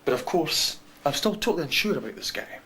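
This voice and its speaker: A man delivers a dry, rambling comic monologue, his voice bright and forward and pitched a touch high. He wanders off track and pulls himself back with deadpan asides. A faint hiss sits under the recording. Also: fairly quick. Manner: wry, deadpan and digressive. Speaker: narrator of a short film.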